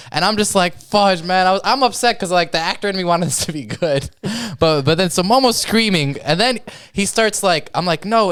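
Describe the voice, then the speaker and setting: A young man co-hosting a podcast, telling a story in casual chat with lots of laughing and mimicked shouts. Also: high voice, no echo, clean studio sound. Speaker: podcast co-host.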